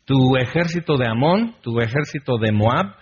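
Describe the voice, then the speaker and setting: A man's voice: medium pitch, lively intonation, moderate pace, darkish tone, a little hiss or hum. A man preaching a sermon as pastor in an earnest way, leading his congregation in a responsive psalm reading. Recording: dull lo-fi recording.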